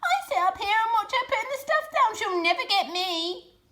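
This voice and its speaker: A woman voicing a spiteful, boastful male rat in a storybook, scolding in shrill exclamations. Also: lively intonation, normal speed, bright, forceful tone, heavily acted. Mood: scornful.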